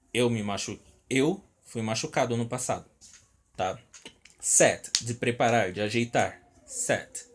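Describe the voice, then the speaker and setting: Man, Brazilian Portuguese accent, English teacher, unhurried, repetitive explanations, mid pitch. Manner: explains slowly, repeats words, checks in with "tá?" constantly. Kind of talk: recorded online language lesson.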